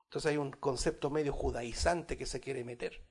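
A man preaching a Bible study sermon, addressing his listeners as brothers, growing loud on scripture and dropping quiet on asides. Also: moderate pace, slightly rough. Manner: rises in volume on scripture, drops low on asides. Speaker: pastor.

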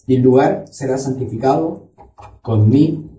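Speaking at a measured pace in a dark, medium-pitched voice, a pastor leads a Bible study sermon and reads scripture aloud. His voice comes from a distance in an echoey hall.

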